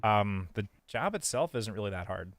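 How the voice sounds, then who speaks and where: A man's voice: lowish voice, big pitch swings, normal speed, fairly bright tone, no echo. A man in his thirties, a podcast co-host, chatting casually in a laid-back, rambling and wry way. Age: 30s. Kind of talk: casual chat.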